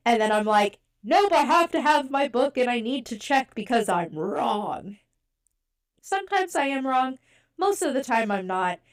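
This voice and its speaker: This podcast co-host, a woman born in Europe but raised in the US, chats candidly and pokes fun at herself in casual conversation. Her voice is a little high, a bit slow, with big pitch swings.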